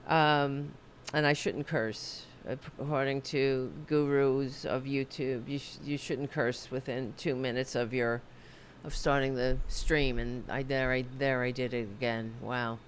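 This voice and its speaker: Her rumbling low voice stays fairly even and a little slow, with slight background noise behind it. Hosting a casual political livestream from her home office while a bit ill and losing her voice, she rambles chattily, self-deprecates, curses and fixes her own slips.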